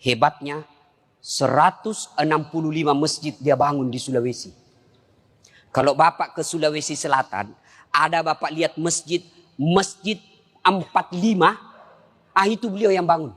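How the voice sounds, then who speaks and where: A man preaching a humorous sermon to a congregation. He talks in an animated way, jumps between high and low voices, and fires off rhetorical questions. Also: moderate pace, pauses often, in a large hall. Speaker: Islamic preacher.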